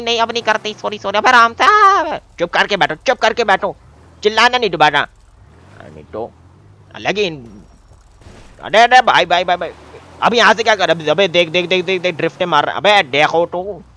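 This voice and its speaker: A man streaming a game role-play, loud and bossy, teasing and shouting at his friends. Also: high-pitched.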